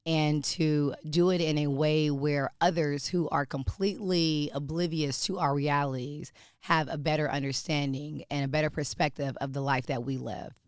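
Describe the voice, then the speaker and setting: A woman guest speaks in a lowish, smooth and resonant voice, earnest and animated as she tells her story. The sound is dry and close, with no room echo. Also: normal speed, few pauses. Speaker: actress guest. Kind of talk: casual interview talk.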